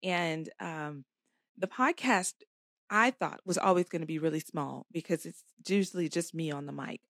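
A woman's voice: on the low side, no room sound, clean studio sound. A woman guest on a podcast, earnestly telling a personal faith story and acting out her inner conversations. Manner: earnest testimony with acted-out inner dialogue. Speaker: podcast guest, life coach. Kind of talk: faith-based interview storytelling.

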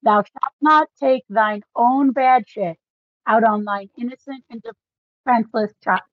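Her pitch sits fairly high and she keeps a measured pace as she co-hosts a relaxed book-chat podcast, explaining points with a fan's enthusiasm. The audio is dry and slightly dull.

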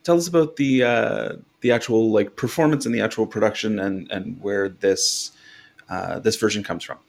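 A man's voice: lowish voice, moderate pace, gravelly, darkish tone. A man co-hosting a podcast interview, asking questions hesitantly with filler uhs. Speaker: podcast co-host.

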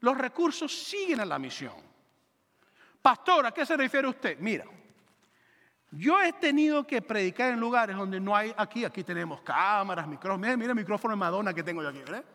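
A man preaching a sermon as pastor, animated and joking, acting out quick voices for biblical characters. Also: high-pitched, big-room sound.

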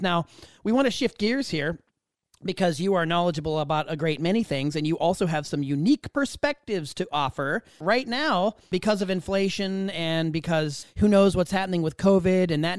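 A man's voice: on the high side, clean tone, no room sound, studio quality. A man hosting a political interview, speaking in an emphatic, indignant way. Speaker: host.

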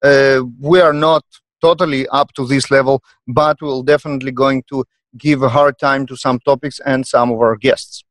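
A man with a Russian accent hosting an unscripted podcast, speaking in a hesitant, halting way. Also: medium pitch, steady tone, dry recording. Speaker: podcast host. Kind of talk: unscripted panel podcast introduction.

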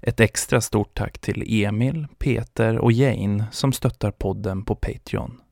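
A man hosting a podcast, narrating a story in a measured dramatic manner. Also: on the low side, fairly even intonation, gravelly, darkish tone, no room sound, studio quality.

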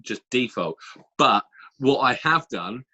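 A man with a husky voice hosting a casual, chatty podcast. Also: mid-range voice, expressive, slow pace, bright, forceful tone, lo-fi sound. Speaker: podcast host. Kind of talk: casual chat.

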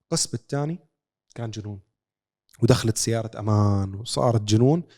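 A man's voice: lowish voice, fast talker, warm tone. A man with a Levantine Arabic accent, co-hosting a podcast with a casual sports recap, told like a story with rhetorical questions. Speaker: podcast co-host.

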